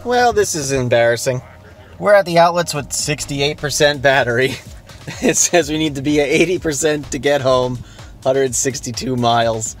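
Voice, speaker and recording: A man with a mid-range voice talks at a normal speed while faint music plays behind him. He's a vlogger in his car on the highway, casually narrating a road trip in a chatty, upbeat way, thinking aloud and using fillers.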